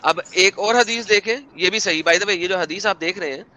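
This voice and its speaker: A man's voice: high voice, normal speed, sharp tone, slight background noise. A man hosting an online debate, pressing his points and mocking the other side's arguments. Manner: mocking, theatrical when reading quotes. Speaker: debate host. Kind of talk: online debate with screen share.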